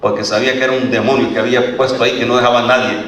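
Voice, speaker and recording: A man's voice: medium pitch, level tone, racing, a bit bright. A man preaching a sermon, telling a story with acted voices and frequent laughter. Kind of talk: sermon testimony. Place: church hall. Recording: echoey hall, voice from far off.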